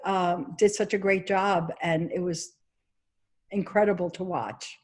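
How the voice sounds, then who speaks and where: Woman casting director with a New York accent, animated and chatty, interview guest. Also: on the low side, unhurried. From Egypt. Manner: animated, laughs often, quotes herself. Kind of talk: casual interview chat.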